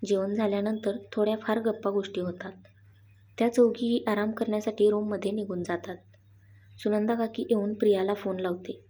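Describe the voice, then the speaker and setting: A woman narrating a scripted story in an even, plain reading voice. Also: medium pitch, normal speed, breathy edge.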